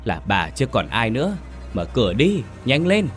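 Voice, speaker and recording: A man's voice: medium pitch, very animated, a little fast, soft background music, voice pushed up, natural voice. A man voicing a spirit that mimics an old grandmother, coaxing and urging someone to open the door. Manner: coaxing, urgent calls.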